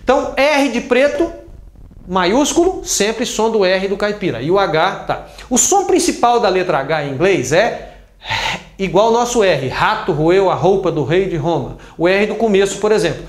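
A Brazilian man teaching English pronunciation, drawing out each sound slowly as he demonstrates it. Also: high-pitched, sing-song, roomy sound. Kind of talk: explanatory lesson.

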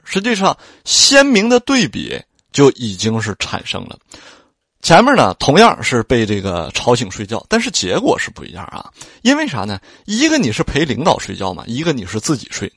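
A man's voice: mid-range voice, big pitch swings, moderate pace, fairly bright tone, no echo, studio quality. A man narrating a classic novel aloud, retelling scenes and adding chatty commentary to listeners. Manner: chatty, colloquial asides to listeners. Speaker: audiobook narrator. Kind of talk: storytelling with commentary.

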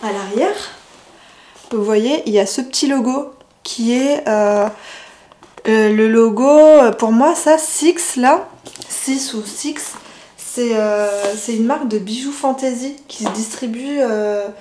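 A woman's voice: on the high side, takes it slowly, warm tone, echoey room. A woman casually chatting through a knitting unboxing, hesitant with many fillers and restarts. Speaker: knitting vlogger.

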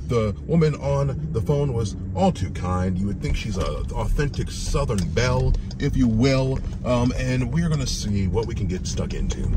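A man in his thirties with a lisp and slushy s sounds gives a casual, joking, sweary food review. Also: on the low side. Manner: animated, joking, profane. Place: inside a car, driving and parked. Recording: car interior with road noise. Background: vehicle noise.

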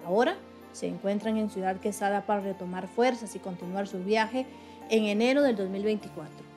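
A woman reporter reads a scripted news voice-over at a mid pitch, measured and clear. Music runs steadily under her voice. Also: darkish tone.

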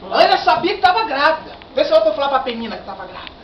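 A middle-aged man giving a fervent lay sermon in a workplace meeting room, animated and pacing, shouting at the peaks, filmed by a far-off camera. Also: extremely high pitch, rapid-fire. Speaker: lay preacher. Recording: echoey, distant, dull lo-fi with noise.

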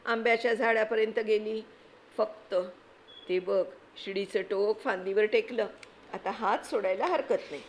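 A woman's voice: mid-range voice, measured pace, a little hiss or hum, close to an everyday voice. A woman voicing a plucky, resourceful boy in a storybook reading, eager and urgent as he gives orders.

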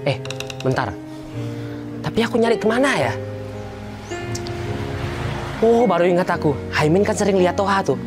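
A man's voice: sits high, lively intonation, brisk. A man playing a neighborhood head in a comedy sketch, talking in a chatty, grumbling way. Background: background music.

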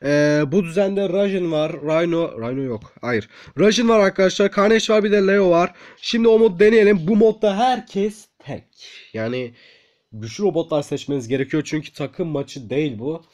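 A young man hosting his gaming channel, giving excitable let's-play commentary, swearing, pleading and shouting at the game. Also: a little high, moderate pace, poor audio.

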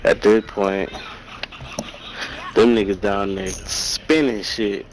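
A man giving profane, excitable live commentary while playing a shooter game. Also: lowish voice, takes it slowly, a little hiss or hum. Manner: excitable, profane trash talk. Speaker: streamer.

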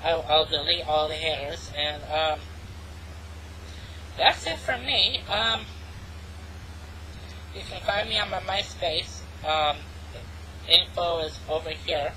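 A vlogger talking through an online voice changer that pitch-shifts the voice to sound female, rambling casually with many ums and restarts. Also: lively intonation, pushed and bright, slight background noise, rough recording. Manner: halting, full of ums and restarts. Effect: pitch-shifted voice changer, meant to sound female. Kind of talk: casual rambling vlog monologue. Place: home, hot climate.

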